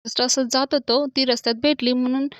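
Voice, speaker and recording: A woman's voice: high voice, fairly even intonation, fairly quick, no echo, lightly acted. A woman voicing an exasperated, defensive young man. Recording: dull dry lo-fi recording.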